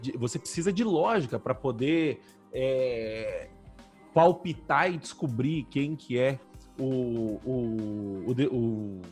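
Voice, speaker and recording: A man's voice: medium pitch, slow, a little mellow, faint music behind. A man co-hosting a podcast, talking casually with slang and lots of restarts. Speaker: podcast co-host.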